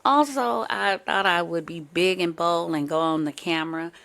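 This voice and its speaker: A woman's voice: fairly low pitch, moderate pace, creaky, fairly bright tone. Chatty woman podcast host with a sore throat. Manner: chatty and playful, talks straight to listeners. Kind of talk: casual chat.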